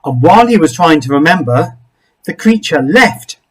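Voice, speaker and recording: A rabbi reads a picture book aloud to young children, very animated, with dramatic pauses and little asides. His voice is a little high, fairly bright and husky, and the audio quality is poor.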